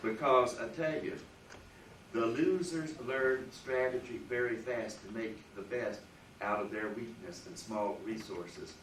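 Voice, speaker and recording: A man's voice: mid-range voice, unhurried, a bit bright, slight background noise. A man giving a university philosophy lecture, emphatic and leaning hard on key words, recorded from across a lecture room. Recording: roomy lecture hall from far off, faint ambience.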